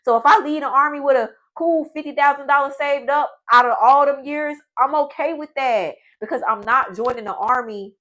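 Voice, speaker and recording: A woman's voice: sits high, normal speed, few pauses, pushed and bright. A woman, giving a blunt, profane motivational pep talk in a vlog. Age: 20s. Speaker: vlogger.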